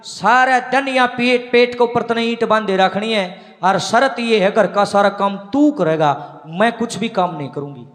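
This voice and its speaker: A man's voice: high voice, unhurried, fairly bright tone. A man with a Haryanvi accent voicing a patient, wise village mother in a devotional story. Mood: tender, lecturing. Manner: earnest storytelling cadence. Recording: long reverb in a large hall.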